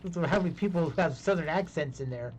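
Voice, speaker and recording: A man with a fairly high voice chats loosely while he plays a game on stream. He rambles from one topic to the next and laughs often. A faint hiss runs underneath. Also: lively intonation, quick pace, darkish tone, dull audio. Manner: rambling, chatty, laughs easily. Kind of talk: casual gaming chat.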